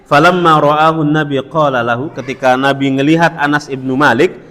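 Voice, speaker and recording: Javanese-accented preacher in a reverberant hall. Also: male voice, fairly high pitch, fairly even intonation, fairly quick, bright, forceful tone. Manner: storytelling, switching between Indonesian and Javanese, quoting Arabic. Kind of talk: religious study talk.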